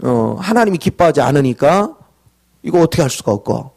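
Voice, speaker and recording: Preacher, male, fairly high and highly animated delivery; dramatic sermon with whispered asides. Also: fairly quick, gravelly, husky. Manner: animated preaching, acting out quoted voices.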